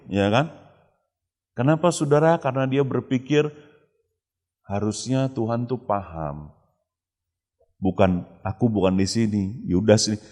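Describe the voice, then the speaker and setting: A man preaching a sermon as a pastor, chatty in tone, dropping to hushed asides and then rising to emphatic, raised lines. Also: fairly low pitch. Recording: long hall reverb.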